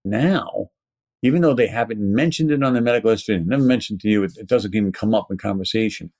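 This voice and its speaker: Quick-paced and lowish, with a darkish tone, this voice is recorded cleanly in a studio without echo. The speaker, an interviewed pharmacist educator from Brooklyn by accent, explains things emphatically in conversation and leans on rhetorical questions.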